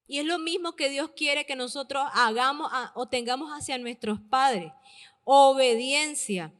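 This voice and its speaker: A woman preaches an emphatic sermon. She repeats her key words slowly for weight. Her voice rings with a long reverb, as in a church hall. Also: high-pitched, fairly bright tone. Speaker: preacher addressing youth and parents.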